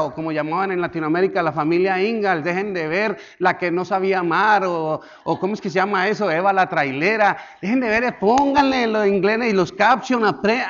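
Man, Colombian accent, pastor, sermon, repeats words for the congregation, fairly high voice, muffled lo-fi recording. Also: a bit bright. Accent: Colombian Spanish. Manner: repetitive, exhortative, calls the congregation to repeat words; acts out little scenes with shifting voices.

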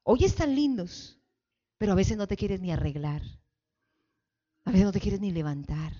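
A woman pastor leading a call-and-response sermon, fervently exhorting the congregation and building to shouts. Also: mid-range voice, sing-song, moderate pace, dull audio. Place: church sanctuary.

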